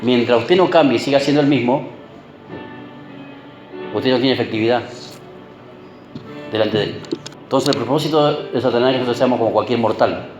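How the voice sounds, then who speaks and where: A man's voice: mid-range voice, moderate pace, long pauses, reverberant, highs cut off, over music. A man preaching a sermon. He keeps checking in with the congregation through short tag questions and repeats words for emphasis.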